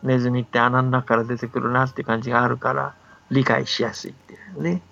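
Faint music sits behind a quick-paced, creaky, slightly bright male voice of medium pitch with fairly even intonation. He is an older folktale scholar giving casual, patient radio explanations and often checking that the listener agrees. The audio is dull and band-limited, with faint noise.

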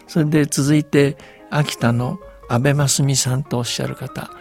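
An older man, a folktale researcher, chatting on the radio in a relaxed, explanatory way with soft trailing endings. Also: mid-range voice, unhurried, soft background music.

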